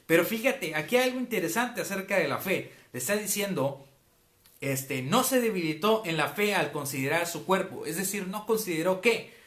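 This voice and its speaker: Preacher, casual Bible teaching. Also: male voice, sits high, expressive, moderate pace, fairly bright tone. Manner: casual, checks in with listeners with frequent "ok?". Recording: roomy echo.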